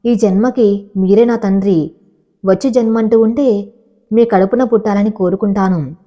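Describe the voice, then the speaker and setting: A woman voicing a remorseful young rich man pleading tearfully with his father, with a dark voice. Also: medium pitch, fairly even intonation, measured pace, muffled recording, close to an everyday voice.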